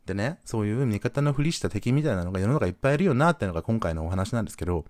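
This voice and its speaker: A man from Gunma hosting a podcast, telling a story in a casual, animated way and acting out the voices of the people in it. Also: lowish voice, racing, no echo, studio quality. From Gunma, Japan. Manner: animated, acts out quoted voices. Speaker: podcast host.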